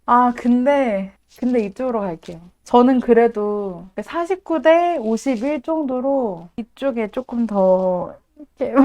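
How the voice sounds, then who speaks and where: A woman hosting a casual live stream, excitable and dramatic, often laughing and reacting to viewer comments. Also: on the high side, slow pace.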